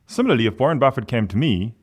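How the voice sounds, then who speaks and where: A man, a podcast guest talking in an animated, emphatic way with big swings in pitch. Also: very fast, breathy edge. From South Africa. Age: 40s. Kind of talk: casual podcast conversation.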